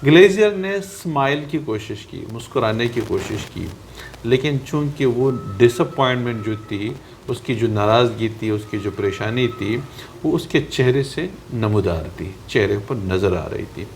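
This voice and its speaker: Man, Pakistani accent, teacher, slow English reading, explains each phrase, faint background hiss. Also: medium pitch, lively intonation. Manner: reads English lines slowly, then explains each word. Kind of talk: reading a story aloud and explaining it in Urdu.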